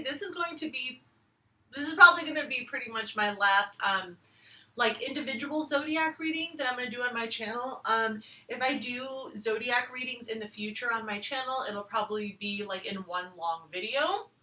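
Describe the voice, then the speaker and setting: Bright-voiced woman tarot reader, echoey room. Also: sits high, normal speed, far from the mic. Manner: rambling, relaxed, many fillers. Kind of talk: casual chat. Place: living room floor at home.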